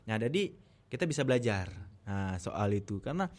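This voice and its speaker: Speaking fairly quickly in a fairly low, sing-song, slightly mellow voice, a young Acehnese man from Aceh, Indonesia, chats on a casual podcast. He comes across as earnest, often repeating points to stress them.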